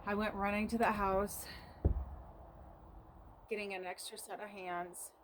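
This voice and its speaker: Woman, homesteader vlog, earnest, shaken retelling, slow delivery, mid-pitched voice. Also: little pitch movement, background noise. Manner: speaks of God and prayer often. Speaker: homesteader vlogger. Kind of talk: emotional storytelling to camera.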